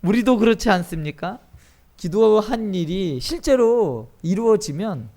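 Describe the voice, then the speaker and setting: A man preaching a sermon as pastor, acting out quoted dialogue in animated voices. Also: high-pitched, a little slow.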